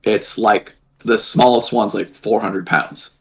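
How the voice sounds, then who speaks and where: A man's voice: on the low side, steady tone, poor audio. A man narrating as dungeon master, rambling and restarting his sentences. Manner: rambling, halting, many restarts. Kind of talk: narrating a tabletop game.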